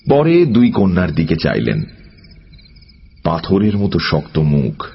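A man narrating a story with an expressive, varied delivery. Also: sits low, takes it slowly, creaky, breathy edge. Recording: dull lo-fi audio with music.

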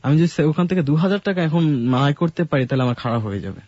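A man telling his life story in a casual radio conversation, halting, with many fillers and restarts. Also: a little high, expressive, a little mellow, no room sound. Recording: dull lo-fi radio studio sound.

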